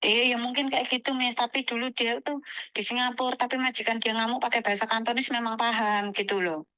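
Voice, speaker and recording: A woman's voice: fairly high pitch, level tone, a little fast, pushed and bright, no echo, low-quality recording. A woman calling in from abroad, earnestly recounting a complaint and repeating what others said in short quoted bursts. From Indonesia. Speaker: caller. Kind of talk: phone call telling a complaint.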